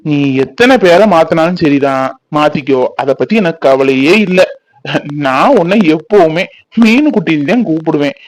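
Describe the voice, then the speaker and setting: A man's voice: fairly high pitch, expressive, moderate pace, no room sound, natural voice, low-quality recording. A young man, playing a teasing, boastful village youth who dotes on his sweetheart. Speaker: actor in a family fan drama. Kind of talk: village romance drama acting.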